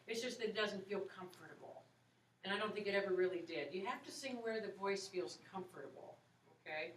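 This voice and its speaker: An opera singer and voice teacher in her forties runs a relaxed Q&A and chat with her students, encouraging them and leaning often on "you know." Her voice is mid-range and a little fast. The room echoes, the microphone sits at a distance, and a faint hiss is audible.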